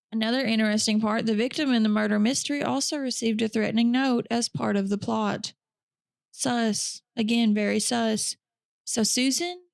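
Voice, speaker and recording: A woman's voice: on the high side, vocal fry, dry recording. A woman podcast host telling a true crime story in a casual, chatty way, with blunt profane asides.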